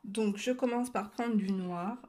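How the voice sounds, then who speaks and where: A woman's voice: mid-range voice, darkish tone. Chatty woman demonstrating coloring, hesitant. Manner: hesitant, many filler pauses, chatty asides to viewers. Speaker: coloring tutorial creator. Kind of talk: casual step-by-step demonstration.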